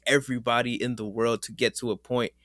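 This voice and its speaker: A man hosting a casual podcast chat, relaxed and slangy, laughing often. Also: mid-range voice, a little fast, no echo, clean studio sound. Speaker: podcast host.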